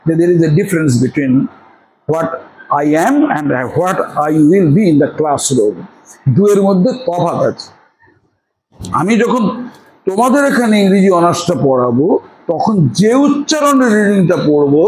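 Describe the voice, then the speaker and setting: A middle-aged male tutor with a high-pitched voice gives an informal lecture. He is emphatic and chatty. He repeats words to drive points home, with soft room hiss behind him. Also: low-quality recording. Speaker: English tutor.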